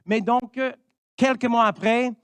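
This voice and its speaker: High-voiced pastor preaching. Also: male voice, unhurried, a bit bright, clear, resonant tone, no room sound. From Missouri, United States. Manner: earnest, punctuates with "amen". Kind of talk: sermon.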